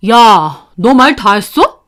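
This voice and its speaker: A touchy young fiancé who bristles at criticism and flares into shouting when pushed, played by a woman in a higher register. His delivery stays smooth and clear even when angry. He comes across as defensive and short-fused throughout. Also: moderate pace, close to an everyday voice. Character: young adult male fiancé, touchy, quick-tempered.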